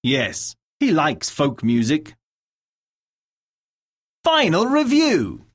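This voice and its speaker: Reading words, questions and dictation for a scripted English lesson, a woman speaks carefully with clear enunciation and pauses. Her voice is low and breathy, with huge swings in pitch.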